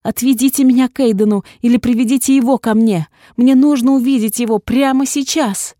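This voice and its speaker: A woman voicing a desperate young woman in a hospital bed who shouts, pleads and sobs. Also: on the high side, normal speed, no echo, clean studio sound, voice pushed up, lightly acted. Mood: desperate pleading.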